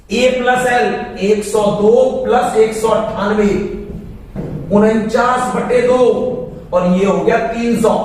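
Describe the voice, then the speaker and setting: A male math tutor with a high voice talks slowly and patiently, working through each problem out loud. He stands some distance from the mic in a very echoey room with faint background noise. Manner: slow, step-by-step, repeats numbers aloud while working. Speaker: math teacher. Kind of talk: classroom lesson explaining exam problems. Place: coaching classroom.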